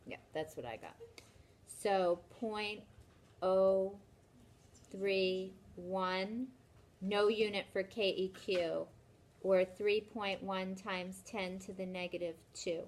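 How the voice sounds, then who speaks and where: Woman teacher, New York accent, mid pitch, classroom noise faint; walks through steps, pushes students to try. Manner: works problems step by step, urging students on. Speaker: chemistry teacher.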